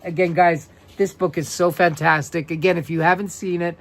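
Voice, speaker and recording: A man with a New York accent hosting a casual live-stream, reading trivia questions aloud and answering viewers by name in a chatty, relaxed way. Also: fairly high pitch, normal speed, vocal fry. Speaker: livestream host.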